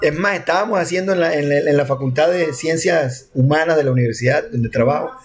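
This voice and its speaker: A man from Colombia's Caribbean coast teaching programming, his voice pitched a touch high. He talks in a loose, joking way and often restarts his sentences. He sounds like he is on a video call. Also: brisk. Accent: Colombian coastal Spanish. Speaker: programming instructor. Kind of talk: online class talk.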